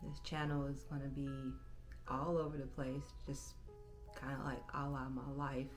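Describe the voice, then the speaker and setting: Woman, 30s, low voice, halting personal vlog, clear music underneath. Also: little pitch movement. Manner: reflective, halting, self-correcting. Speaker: channel host. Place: bedroom.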